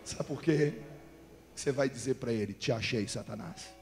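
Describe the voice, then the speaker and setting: A male pastor preaching a fervent Pentecostal sermon, swinging from quiet talk to shouting. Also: medium pitch, moderate pace. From Brazil. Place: large church hall. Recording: church hall reverb with faint music.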